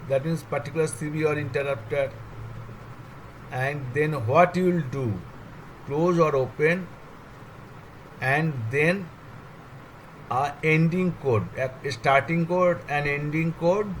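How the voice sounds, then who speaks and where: An older man with an Indian English accent, explaining railway engineering in a deliberate, halting way, listing items one by one. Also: a little high, slight background noise, rough recording. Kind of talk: technical explanation.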